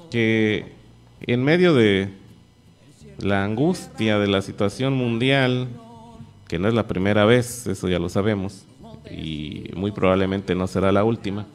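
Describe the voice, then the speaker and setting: Male pastor, lowish voice, earnest measured sermon delivery, faint music bed. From Mexico. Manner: earnest, measured preaching with repeated thanks.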